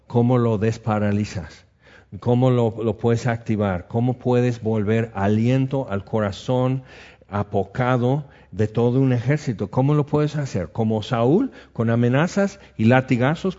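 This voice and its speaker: A man preaching a sermon, telling the story in a lively way with acted-out voices, in a dull lo-fi recording. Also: medium pitch.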